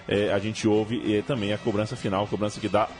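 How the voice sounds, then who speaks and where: A man's voice: lowish voice, little pitch movement, brisk, a little mellow, soft background music. A man with a Brazilian accent casually telling football stories as a show host. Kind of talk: casual football storytelling chat.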